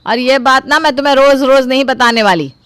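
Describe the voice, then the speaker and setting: This is a stubborn old grandmother, acted by a woman who rules the house. She is commanding and scolding, with a voice a little higher than usual. The sound is close and dry. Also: fairly quick, a bit bright, clean tone, no room sound. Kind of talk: voiced storybook character.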